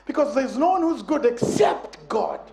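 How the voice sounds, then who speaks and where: A preacher speaking as a calm questioning teacher. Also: male voice, very high-pitched, normal speed. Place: church. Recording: echoey church sanctuary.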